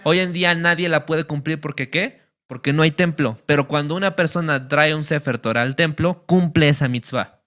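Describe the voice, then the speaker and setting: A man teaches a class, his voice bright and fairly high for a man. He explains things step by step, pausing on fillers and checking that everyone is following. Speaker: religious teacher.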